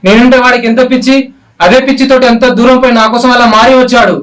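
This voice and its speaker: A man's voice: very high voice, level tone, rapid-fire, a bit bright, low-quality recording. A young man, playing a devoted young village man who pleads earnestly with his family.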